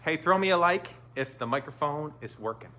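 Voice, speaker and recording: A man's voice: a little high, lively intonation, brisk, sharp tone, slight background noise. A man hosting a live stream in casual, joking banter, talking through a face mask. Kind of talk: casual chat.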